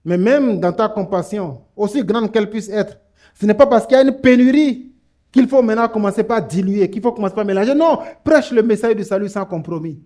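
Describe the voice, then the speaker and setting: A man's voice: high-pitched, brisk, darkish tone. A man preaching a sermon to a church congregation, urging them on with fervent, direct commands. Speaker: pastor.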